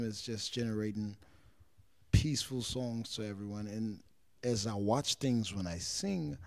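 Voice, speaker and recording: A low-pitched man in his thirties, born and raised in Israel, talks earnestly about his life as a street singer. He gropes for words and circles back over phrases. He speaks into a handheld mic held close in a small living room. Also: darkish tone. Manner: earnest, searching for words, repeats himself. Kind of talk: interview answers. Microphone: handheld interviewer mic.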